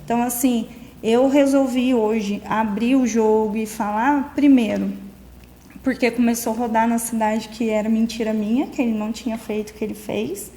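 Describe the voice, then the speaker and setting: A woman's voice: a little high, fairly even intonation, moderate pace, mellow, a little hiss or hum. A middle-aged woman, being interviewed and telling her story with emotion while acting out the dialogue. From Minas Gerais, Brazil. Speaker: interviewee, beautician. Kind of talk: personal account in an interview. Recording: reverberant room, faint background ambience.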